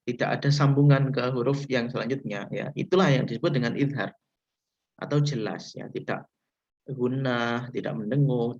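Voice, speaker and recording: A man from Indonesia teaching Quran recitation rules in a livestreamed lesson, patient and repetitive, saying "ya" after nearly every phrase and drawing out the recited Arabic examples slowly. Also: medium pitch, dull audio. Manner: slow, patient, repeats points with frequent "ya".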